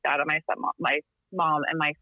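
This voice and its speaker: Her low voice barely moves in pitch, yet she sounds brisk, pushed, and bright, with no room sound. She's a Texan in her thirties guesting on a podcast from home in Littleton, Colorado, chatting casually with many ums and laughs. Her remote call-in line renders the audio dull and dry.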